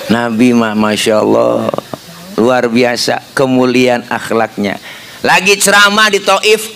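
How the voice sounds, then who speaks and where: A man with a Betawi accent giving a comic sermon in a jokey, animated storytelling manner. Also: sits high. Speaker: preacher.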